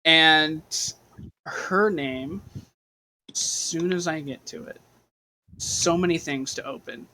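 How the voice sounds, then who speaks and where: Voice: medium pitch, slow, long pauses, sharp tone, no room sound, poor audio. A game master narrating a streamed tabletop game, rambling with many fillers.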